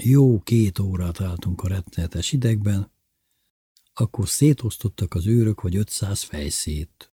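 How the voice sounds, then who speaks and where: A man narrating a story in a steady, measured audiobook reading. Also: lowish voice, slightly rough, no echo.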